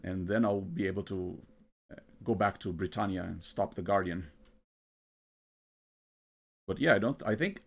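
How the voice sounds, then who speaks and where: A man giving casual game commentary, thinking aloud in a halting way and often repeating his words. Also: lowish voice, creaky. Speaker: gamer narrating a playthrough. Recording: game music behind the voice. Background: video game music.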